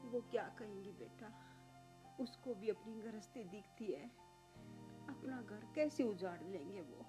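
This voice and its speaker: A woman's voice: mid-range voice, lively intonation, close to an everyday voice. A woman playing a weary old mother-in-law. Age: older. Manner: slow, pleading, tired. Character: frail elderly mother-in-law, weary and resigned. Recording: background music under voice.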